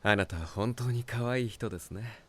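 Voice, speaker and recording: An actor playing a gentle, polite young seaman who speaks softly and formally, in an audio drama with music behind. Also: fairly low pitch, moderate pace, lightly acted.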